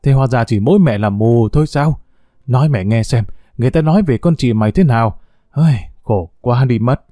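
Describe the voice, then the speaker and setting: A man's voice: medium pitch, fairly quick, dark tone, no room sound, studio quality, natural voice. A man voicing a furious scolding mother. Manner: harsh, scolding, contemptuous. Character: furious scolding middle-aged mother, shopkeeper.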